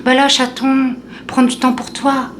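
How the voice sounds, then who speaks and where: A woman voicing a gushing, excitable female friend in a high, squealing voice. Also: unhurried, slight background noise. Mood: soothing.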